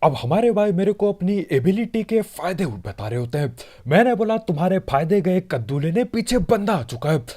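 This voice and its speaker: Lively, mellow-voiced gaming commentator man. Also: high voice, normal speed, hardly any pauses. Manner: joking, chatty, talks straight to viewers. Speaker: gaming channel host. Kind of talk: casual gameplay commentary voice-over.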